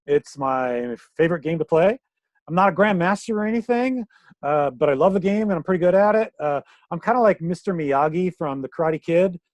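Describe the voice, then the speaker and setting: Older male chess teacher, slightly high voice, dry sound, upbeat and jokey on a video call. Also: expressive, fairly quick, no echo. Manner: jokey, upbeat, teasing riddles. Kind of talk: online workshop presentation.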